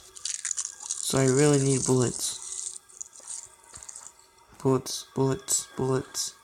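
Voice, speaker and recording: A man's voice: mid-range voice, monotone, extremely slow, a little mellow, slight background noise. A young man giving let's play commentary, talking to himself and getting frustrated as he goes. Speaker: gamer.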